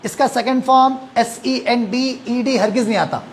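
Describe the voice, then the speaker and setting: A man's voice: extremely high pitch, moderate pace, a little hiss or hum. Man teaching English verb forms. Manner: drills students with repeat-after-me, mixes English and Hindi-Urdu. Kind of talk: online verb-forms class.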